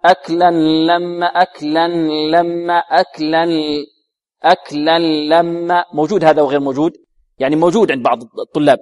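A man teaching Quran recitation. He asks rhetorical questions, answers them himself, and slowly repeats words to show how they are pronounced. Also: high-pitched. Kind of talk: tajweed lesson.

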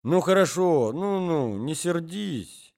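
A man's voice: fairly high pitch, sing-song, measured pace, pitched above the performer's own voice. A man voicing a forgetful old husband who rambles and coughs as he talks. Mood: doddering chatter. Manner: rambling, wheezy, coughs often.

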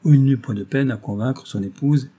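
A man narrating a novel in a measured storytelling way. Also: medium pitch, mellow. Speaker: audiobook reader.

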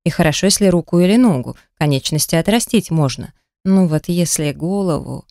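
A woman narrates a first-person fantasy story in a wry, lively manner. Her voice sits on the lower side, and the recording is dry and close with no room sound. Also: brisk, creaky, no room sound. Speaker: audiobook narrator.

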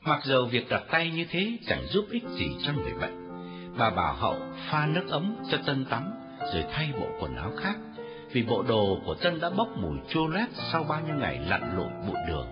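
Expressive male audiobook narrator. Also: mid-range voice, fairly quick. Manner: expressive storytelling reading. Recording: dull lo-fi recording with faint music.

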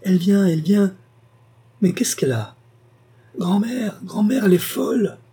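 A man voicing a small, excitable boy who is easily frightened, with a shrill, eager way of talking. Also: normal speed, slightly rough, lightly acted. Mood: alarmed.

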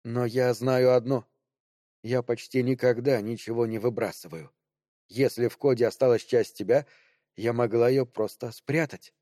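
Remorseful former hacker woman, voiced by a male narrator, quiet, pleading, close dry sound. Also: medium pitch, fairly even intonation, moderate pace, dry recording, natural voice. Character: guilt-ridden female former hacker. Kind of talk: audiobook character voice.

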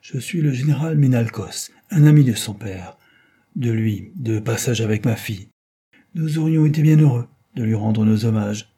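A man's voice: medium pitch, normal speed, dark tone, breathy edge. A man doing a formal old general. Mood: courteous. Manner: formal, polite.

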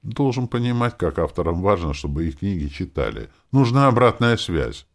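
A man's voice: low-pitched, very animated, normal speed, voice pushed up. A man voicing an offended young female elf author who is plaintive and indignant.

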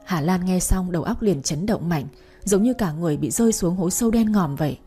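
A woman narrates a story at a steady, measured pace. Her voice is dark and mellow with a husky edge. Faint music plays under the reading. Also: on the low side.

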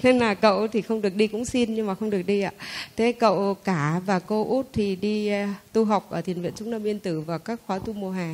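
A woman's voice: medium pitch, a little fast, darkish tone. A middle-aged woman shares a personal spiritual testimony as a Buddhist lay follower, speaking in a heartfelt, conversational way with hesitant fillers.

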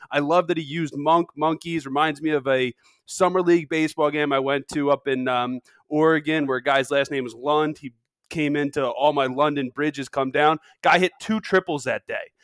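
A man's voice: a little high, fairly bright tone, no echo. A man co-hosting a sports betting podcast, talking casually and joking around. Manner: jokey, laughing, does silly voices. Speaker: podcast co-host.

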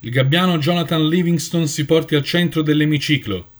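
A man's voice: on the high side, steady tone, a little fast, pitched above the performer's own voice, close to an everyday voice. A man reading aloud, voicing an old male seagull elder who proclaims a judgment in a solemn ceremonial tone.

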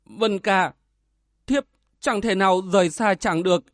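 A tearful young wife who pleads with her family, read by a man in close to his own voice. The reading is fairly high in pitch and sounds dry and close. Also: unhurried, no room sound.

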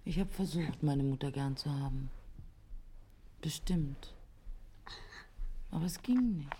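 An actress playing a calm, matter-of-fact mother in a radio play. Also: deep voice, slow pace, a little hiss or hum. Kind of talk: 1980s radio play acting.

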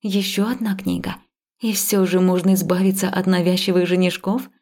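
A woman reading a first-person fantasy audiobook in a calm, even manner. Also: lowish voice, moderate pace. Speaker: audiobook narrator. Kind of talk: first-person scripted narration.

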